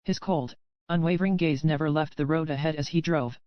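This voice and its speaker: A woman narrating a romance audiobook in the first person, with even, steady storytelling in a dry, slightly muffled recording. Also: deep voice, a little fast, dry recording.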